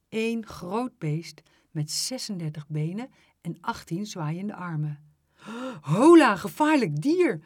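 Slow-reading woman with a dry sound. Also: dry recording. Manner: unhurried expressive reading, lively pitch on exclamations. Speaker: storyteller. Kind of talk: children's story reading.

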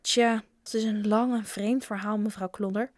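A woman's voice: medium pitch, fairly even intonation, normal speed, no room sound, clean studio sound, close to an everyday voice. A woman playing a polite, worried schoolboy. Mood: earnest. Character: polite, troubled rich schoolboy. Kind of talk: storybook reading.

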